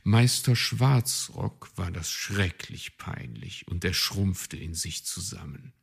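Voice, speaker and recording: A man reading a children's storybook aloud as narrator, lively and expressive. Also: low voice, slow pace, gravelly, husky.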